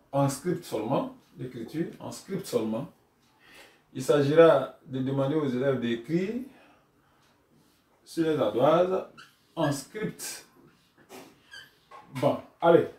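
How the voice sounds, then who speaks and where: Slow, deliberate male teacher trainer. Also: fairly high pitch, darkish tone. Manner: deliberate, demonstrates syllables by chanting them aloud. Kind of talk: instructional tutorial for teachers. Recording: echoey room, voice from far off.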